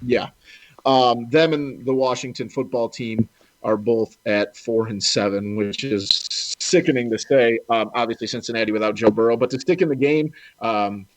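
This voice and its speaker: A man's voice: medium pitch, moderate pace, low-quality recording. A man co-hosting a casual sports podcast, running through the weekend's scores with ums and self-corrections.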